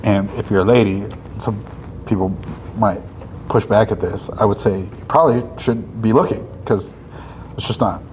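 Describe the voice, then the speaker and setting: A man's voice: on the low side, moderate pace, a little mellow, a little hiss or hum, rough recording. A man in his thirties co-hosting a casual faith podcast, thinking aloud and checking in with his listener as he goes. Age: 30s. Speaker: podcast co-host.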